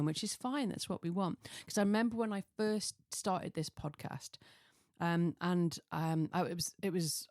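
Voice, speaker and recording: On her casual solo podcast, a woman with a fairly low, slightly croaky, darkish voice rambles on, poking fun at herself and drifting into tangents. The sound is close and dry, coming from a small home office.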